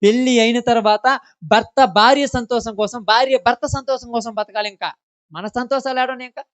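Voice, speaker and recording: A man's voice: very high voice, steady tone, normal speed, no room sound. A man preaching a sermon, scolding the congregation with impassioned rhetorical questions. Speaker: pastor.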